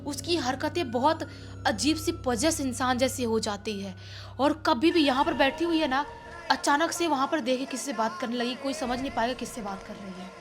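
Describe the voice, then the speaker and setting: A woman's voice: normal speed, music in the background. A woman telling a village ghost story in casual spoken style, turning dramatic as the tension builds. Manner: dramatic, rising in pitch and volume on emotional quotes. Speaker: horror storyteller.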